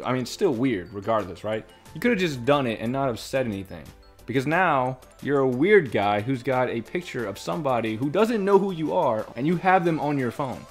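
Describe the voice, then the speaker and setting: A young man reading comments aloud and ranting about them in casual commentary, exasperated and lecturing, often repeating himself. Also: medium pitch.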